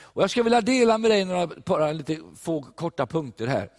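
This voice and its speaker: An older man from Sweden preaching a sermon, animated and emphatic, recorded in a church. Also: fairly high pitch. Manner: animated, rising to emphatic peaks. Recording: long church reverb.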